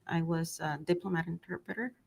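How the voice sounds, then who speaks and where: Testifying in her role as a court interpreter, this Cuba-born woman, whose first language is Spanish, talks softly and hesitantly with frequent ums. Her pitch is fairly low, her pace a little fast, and her voice has vocal fry and a breathy edge.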